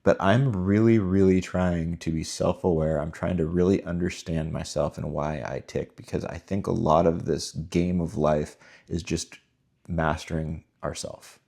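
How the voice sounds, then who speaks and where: A man talks straight to his own camera in a casual vlog. His voice sits a little low, and he rambles along in a fed-up, venting way. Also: fairly even intonation, measured pace, gravelly, dark tone. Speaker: vlogger documenting his life. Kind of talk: casual self-filmed vlog.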